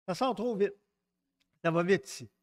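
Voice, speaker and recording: A middle-aged man with a Québécois French accent delivers a sermon in a high voice at a moderate pace. He's lively and full of jokes, regularly wandering off into stories and acting out the quotes he cites.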